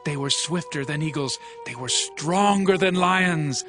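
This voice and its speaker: High-voiced, impassioned warrior king David, played by a man. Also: measured pace, close to an everyday voice. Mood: grieving lament. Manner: solemn, impassioned, archaic declamation. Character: David, grieving and commanding warrior king of Israel. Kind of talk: dramatized audio Bible acting. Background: music.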